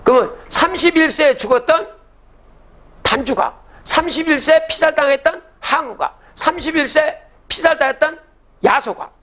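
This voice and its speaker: A man's voice: extremely high pitch, moderate pace, pushed and bright. An older man giving a public lecture, reciting old verses and then explaining them, often asking the audience rhetorical questions.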